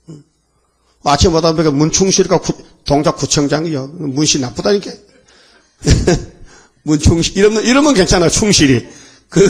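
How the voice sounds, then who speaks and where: A man's voice: on the high side, husky. Male pastor, dawn sermon, rambling and fiery, rhetorical questions.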